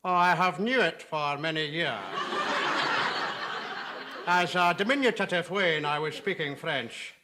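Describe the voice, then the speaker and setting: A man's voice: a little high, a little slow, pauses often, natural voice. A man playing a pompous fellow who boasts of his gift for languages while mangling his grammar, in a comedy sketch. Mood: smug. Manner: self-satisfied, mangled grammar. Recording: archive TV sketch with loud noise and clicks.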